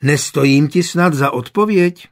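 A man's voice: fairly high pitch, pitched above the performer's own voice, natural voice. A man reading as a cold, stern older mother. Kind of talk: audiobook character reading.

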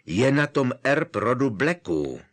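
Man putting on an enraged teen boy, sharp, accusing, animated. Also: mid-range voice, voice pushed up. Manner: furious, shouting accusations. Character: angry teenage boy wizard.

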